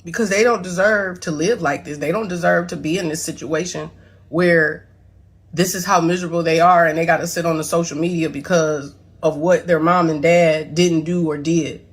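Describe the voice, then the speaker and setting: A woman's voice: fairly low pitch, fairly even intonation, normal speed, husky. A woman close to tears in a rambling, profane confessional video monologue, apologizing and defending herself as a mother. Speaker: mother addressing her son's claims.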